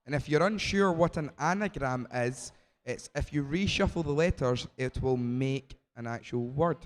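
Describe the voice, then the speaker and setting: A man's voice: medium pitch, moderate pace. A man with a thick Scottish accent, co-hosting a quiz in a casual, live style. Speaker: quiz co-host.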